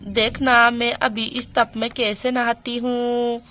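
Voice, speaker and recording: A woman voicing a young village girl in a doll story, protesting and quick to blame. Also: fairly high pitch, level tone, fairly bright tone. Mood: boastful.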